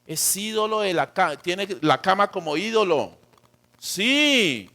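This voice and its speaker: A man with a Colombian accent preaching a sermon as pastor, swinging between loud emphatic lines and quiet dropped endings, and acting out quoted voices. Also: sits high, sing-song, takes it slowly. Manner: acts out quotes of God and of church members.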